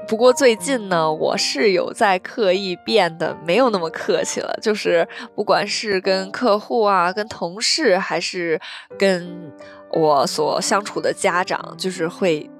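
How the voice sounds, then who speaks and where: A woman's voice: medium pitch, unhurried, soft background music. A young woman from Beijing hosting a solo podcast, telling stories in a chatty way and acting out the voices she quotes. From Beijing, China. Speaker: podcast host.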